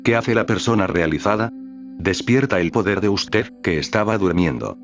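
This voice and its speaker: A man reading a spiritual teacher's talks aloud in a calm, measured way, voicing the questions and stage directions too. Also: low voice. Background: faint background music.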